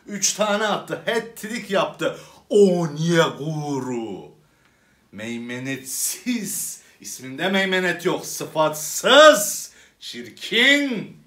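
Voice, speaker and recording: A man's voice: sits high, sing-song, drawn-out words, sharp tone, recorded from a distance, heavily acted. A man playing a hot-tempered male club president who rants theatrically, swinging from sweet talk to fury. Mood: ranting. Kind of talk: comedy sketch monologue. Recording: roomy echo, away from the mic.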